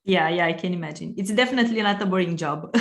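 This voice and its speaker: A woman's voice: on the low side, quick pace. A woman hosting a podcast, speaking as an interviewer in conversation with a guest. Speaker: podcast host. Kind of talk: interview questions.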